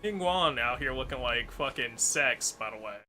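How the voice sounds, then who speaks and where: A man's voice: medium pitch, animated, moderate pace, sharp tone, slight background noise. A man livestreaming a video game, chatting casually and reacting aloud in informal, slangy talk. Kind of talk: casual chatty stream commentary. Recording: faint game music behind.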